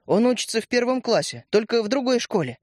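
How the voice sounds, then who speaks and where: A man's voice: very high-pitched, sing-song, quick pace, no room sound, studio quality, voice pushed up, full character voice. A man doing a bossy, suspicious schoolgirl.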